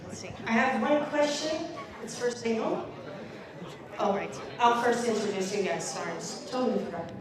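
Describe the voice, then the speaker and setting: Female ceremony host, high and upbeat, jokey, fumbles names; distant mic, big echoey hall. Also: normal speed. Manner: upbeat, jokey, stumbles over foreign names. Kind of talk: announcing teams at a live ceremony. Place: large indoor bowling hall. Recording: echoey hall from far off, loud crowd.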